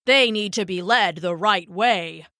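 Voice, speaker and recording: A woman's voice: medium pitch, sharp tone, no room sound, studio quality. A woman doing a bellowing old bullfrog. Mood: grumbling, bossy. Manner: slow bellowing, bossy. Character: grumpy old male bullfrog wanting a king.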